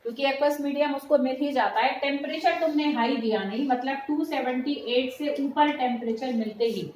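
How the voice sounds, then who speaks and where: This chemistry lecture comes from a middle-aged woman whose high voice has a darkish tone and a fairly quick pace. She's patient, uses English terms along the way and calls students "beta," in a room with echo and faint noise.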